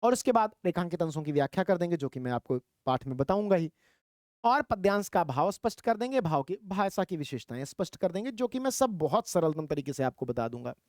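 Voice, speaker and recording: A man teaching a Hindi exam prep lesson, explaining step by step and reading verse slowly. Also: high voice, sing-song, darkish tone, dry recording, clean studio sound.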